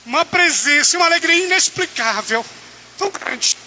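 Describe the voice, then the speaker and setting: Speaking at normal speed, this man from Brazil has a very high, expressive voice as he gives his personal testimony during a sermon. The passion builds until he is nearly shouting, and there's a little hiss or hum in the audio.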